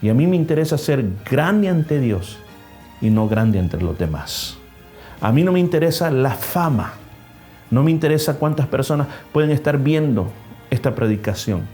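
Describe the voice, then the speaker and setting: A man's voice: mid-range voice, lively intonation, normal speed, warm tone. Impassioned male preacher, faint music. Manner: preaching with rising emphasis and numbered points; acts out a story with changing voices. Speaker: pastor. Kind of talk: sermon. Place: church service.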